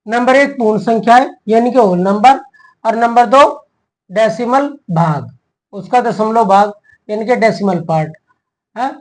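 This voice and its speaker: Male maths teacher, slow patient explanation, repeats and checks in often. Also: high-pitched, poor audio. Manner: slow, repetitive, often asks "है ना?" and "ठीक है जी". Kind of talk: classroom explanation.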